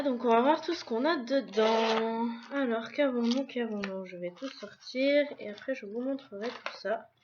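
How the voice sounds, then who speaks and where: Slow-talking woman unboxing cute items. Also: on the high side, lo-fi sound, noisy background. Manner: slow, chatty, describing items one by one. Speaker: vlogger unboxing a subscription box. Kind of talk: casual unboxing vlog.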